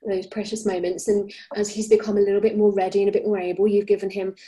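A British woman with a mellow, warm tone chats on a parenting podcast. She gives advice in a reassuring, encouraging way, conversational and unforced. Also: medium pitch, little pitch movement, quick pace, poor audio.

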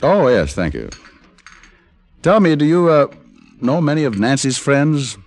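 A man's voice: medium pitch, sing-song, measured pace. An actor playing a wry, tough male private detective in an old radio drama, with dry wisecracks and hard-boiled narration. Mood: wary.

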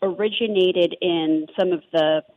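Interview guest: thirties woman, New Jersey accent, enthusiastic and rambling, slightly low pitch, dull lo-fi sound. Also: fairly even intonation, unhurried. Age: 30s. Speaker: guest, holistic health advocate. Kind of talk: conversational interview.

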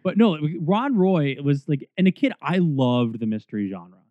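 A man's voice: on the high side, normal speed, no echo. Podcast co-host, man in his 30s, chatty storyteller, thin phone-line audio. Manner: chatty storyteller, animated asides. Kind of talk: casual nostalgic chat. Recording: dry, tinny phone-like sound.

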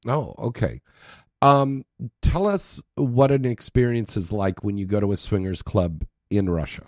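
A man with a fairly low voice hosts a casual interview. He talks informally and prompts with questions, and the sound is dry with little room. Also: a little slow, a little mellow, no room sound. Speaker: interview host.

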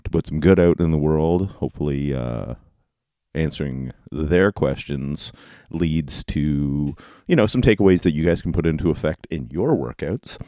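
Male podcast host, very low gravelly voice, informal and rambling, dry close-miked sound. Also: dark tone, dry recording. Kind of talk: casual solo podcast talk. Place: basement office at home. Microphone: close podcast microphone.

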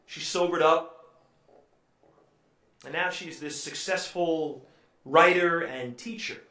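A man's voice: on the high side, slow pace, sharp tone. A man preaching a sermon and retelling a story in a conversational way, with frequent ums and uhs. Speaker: pastor. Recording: echoey room, voice from far off.

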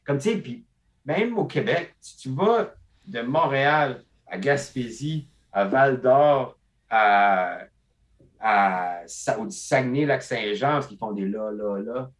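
A man from Acadia in eastern Canada, with an Acadian French accent, joins a podcast as a guest for casual conversation. His voice is mid-range and slow-paced, and he tells stories with animation while often slipping English into his French.

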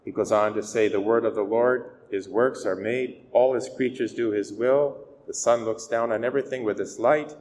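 A man speaking as a priest giving a scripture reading and homily, measured and deliberate with emphatic key words, his voice echoing as in a cathedral. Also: on the low side, fairly even intonation, darkish tone. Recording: echoey church reverb, clear background noise.

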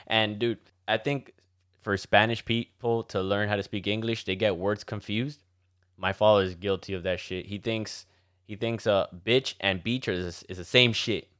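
A man's voice: lowish voice, fairly even intonation, moderate pace, a bit bright. A man with a Miami Cuban accent co-hosting a casual chat, joking and switching between English and Spanish. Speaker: podcast co-host.

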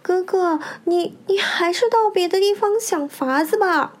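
Woman reader doing a young concubine, shrill, pleading and weepy, storybook tale. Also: measured pace. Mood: timid. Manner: tearful, pleading, high-pitched. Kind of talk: storybook reading.

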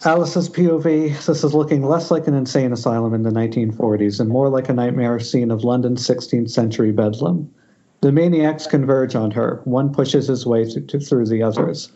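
The screenplay directions at this casual table read come from a man with a dark tone, medium pitch, and normal speed. Speaking on a dull, noisy group Skype call, he now and then falters and starts a line again.

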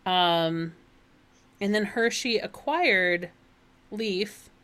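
A woman co-hosting a podcast, laying out facts in an unhurried, casual way. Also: mid-range voice, a bit bright. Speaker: podcast co-host. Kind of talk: casual chat.

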